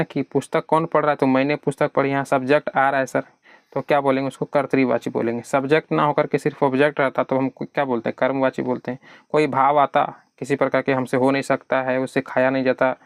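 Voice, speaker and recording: A man's voice: medium pitch, smooth, no echo, studio quality. A man teaching an exam prep lesson in a conversational way, answering his own questions on behalf of his students.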